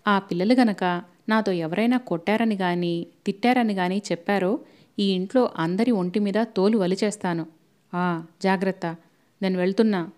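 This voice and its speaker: A woman voicing a gruff, domineering older man who threatens and gives orders. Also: mid-range voice, normal speed, darkish tone, close to an everyday voice. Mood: blustering. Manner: blustering, threatening.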